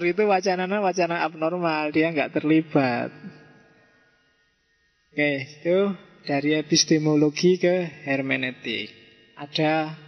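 A man with a Javanese accent giving an informal philosophy lecture, conversational and teasing, with joking asides. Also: a little high. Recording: dull lo-fi sound in a reverberant hall.

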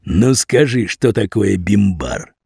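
A man voicing a cold, menacing gangster boss who drawls his threats slowly in an audiobook. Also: on the low side, lively intonation, gravelly, darkish tone, husky, no echo, studio quality, exaggerated voice. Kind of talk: audiobook character voice.

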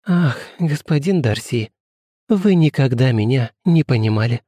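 A woman's voice: a bass voice, animated, a little slow, mellow, no echo, full character voice. A man reading the part of a young married woman who is distraught and in tears, with sobbing, pleading exclamations. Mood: tearful. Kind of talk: audiobook character reading.

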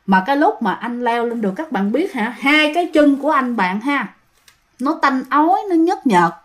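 A woman's voice: high-pitched, very animated, normal speed. A woman with a Southern Vietnamese accent telling a ghost story in a chatty way, speaking to her listeners directly and repeating herself often. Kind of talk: casual spoken ghost story.

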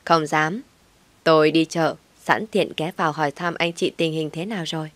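A woman voicing a sharp-tongued, contemptuous older mother-in-law in an audio story, scolding loudly. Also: low voice, steady tone, moderate pace, no room sound, natural voice.

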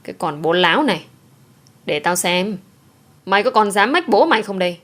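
A woman's voice: mid-range voice, lively intonation, brisk, lightly acted. Woman voicing a harsh scolding stepmother. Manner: harsh, berating. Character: cruel scolding middle-aged stepmother.

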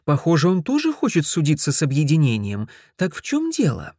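A man voicing a perky young woman switchboard operator with a high, sing-song, mocking delivery. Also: huge pitch swings, fairly quick, mellow, slightly rough, dry recording, studio quality, exaggerated voice. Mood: teasing.

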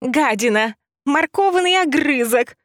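A woman voicing a small, hysterical, foul-mouthed male rabbit with shrill, snarling yells. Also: animated, takes it slowly, dry recording, clean studio sound. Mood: furious.

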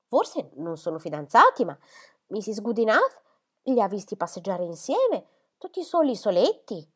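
A woman voicing a timid, gentle older spinster who speaks mildly and hesitantly. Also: mid-range voice, very animated, normal speed, husky. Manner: mild, hesitant.

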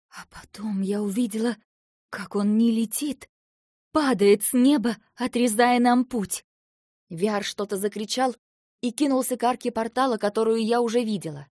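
A woman narrating a first-person fantasy audiobook in a measured storytelling way. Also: medium pitch, a little mellow, no room sound, clean studio sound.

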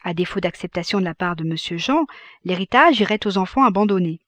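A woman reading the part of a calm, businesslike male notary in a grave, measured tone for an audiobook. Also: high-pitched, no echo.

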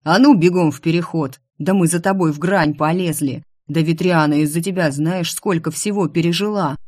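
A woman voicing a blunt, stubborn young man in a dry, close audiobook reading, speaking gruffly and scolding. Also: deep voice, measured pace, a little mellow, no room sound. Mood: furious. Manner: brusque, scolding.

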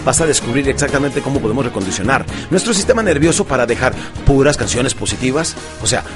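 A man's voice: medium pitch, sing-song, fast talker, music in the background. A man giving a motivational self-help audio talk. He acts out both sides of conversations and calls his listeners champions. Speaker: motivational speaker.

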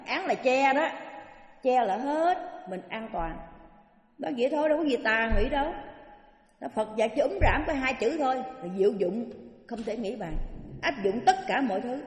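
A woman with a Southern Vietnamese accent giving a Buddhist dharma talk as a teacher, telling stories and putting questions to her listeners. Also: on the high side. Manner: lively storyteller, questions the audience. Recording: echoey hall with long reverb.

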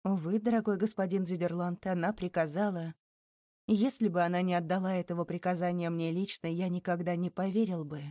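Woman reads a sorrowful police chief, slow and grave, mellow tone. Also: fairly low pitch, fairly even intonation, no echo, studio quality, close to an everyday voice. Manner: measured, regretful.

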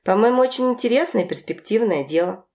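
A woman's voice: a little high, animated, fast, darkish tone. A woman voicing a retired older mother who scolds and lectures her daughters reproachfully.

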